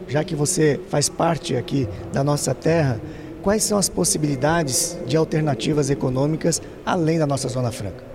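Higher-voiced man introducing a guest. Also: background noise. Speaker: host, moderator. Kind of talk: panel discussion.

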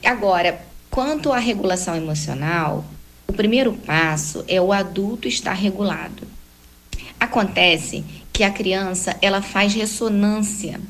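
A woman explaining how to calm and comfort young children, acting out the gentle words a parent would say. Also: mid-range voice, a little slow, a little hiss or hum, low-quality recording. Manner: warm explanatory, acts out gentle talks with a child. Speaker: parenting guest expert. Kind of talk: conversational advice talk.

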